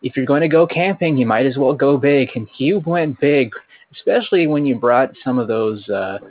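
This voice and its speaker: A man's voice: mid-range voice, expressive, no room sound. A man doing an awkward, hesitant voicemail. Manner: halting, full of uh and um. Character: hesitant male camping buddy leaving an awkward voicemail. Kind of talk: improv comedy voicemail. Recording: tinny phone-like call audio.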